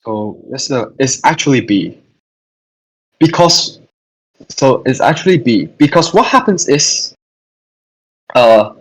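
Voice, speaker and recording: Husky-voiced young man tutoring online. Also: mid-range voice, poor audio. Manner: hesitant, repeats and restarts phrases, answers chat questions. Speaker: student tutor hosting a revision session.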